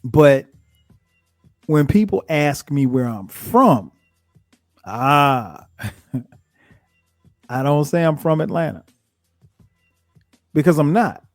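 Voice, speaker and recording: A man in his forties, a podcast host from South Carolina, casually telling his own story in a reflective, thinking-aloud way with frequent soft chuckles. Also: a little high, animated, extremely slow, long pauses, no room sound, studio quality, soft background music.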